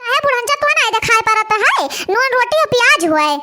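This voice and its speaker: A woman's voice: extremely high pitch, big pitch swings, fairly quick, bright, forceful tone, heavily acted. A woman voicing a frail, hungry old grandmother in a cartoon, with an Awadhi accent and a whiny, pleading way of talking. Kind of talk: cartoon voice acting.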